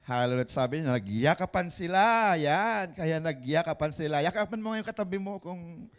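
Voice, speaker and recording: A man's voice: a little high, animated, normal speed, clean tone. A pastor preaching a live sermon in church, switching between Tagalog and English and often calling out to the congregation for an "Amen.".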